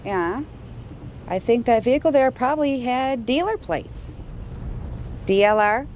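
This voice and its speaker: Brief: friendly, sharp small-town police chief with a Minnesota accent, gently correcting. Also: female voice, fairly high pitch, lively intonation, measured pace, slight background noise. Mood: polite. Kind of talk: film dialogue.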